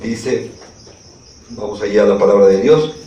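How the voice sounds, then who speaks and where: A man's voice: lowish voice, a little slow, mellow, highs cut off, slight background noise. A male pastor preaching a sermon, reading scripture aloud and often checking in with his congregation. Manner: reads scripture aloud and asks the congregation questions. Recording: echoey room, from a distance.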